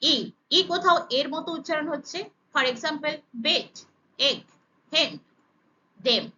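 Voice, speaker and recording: A woman teaching English pronunciation, slowly spelling out letter sounds one by one in a deliberate, emphatic way. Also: high-pitched, sharp tone, highs cut off. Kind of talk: slow, deliberate pronunciation lesson.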